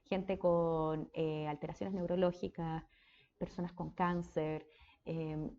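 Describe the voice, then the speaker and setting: A woman's voice: low-pitched, little pitch movement, slow pace, warm tone, lo-fi sound. A woman with a Chilean accent giving a casual speech therapy lecture, often checking in with her students. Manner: conversational, checks in with frequent "¿ya?".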